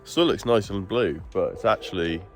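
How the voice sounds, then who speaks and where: Recorded outdoors on a phone camera, this casual building update has a DIY vlogger chatting through each step of a garden build. His lowish voice is congested and stuffy, moving at a moderate pace, with music in the background.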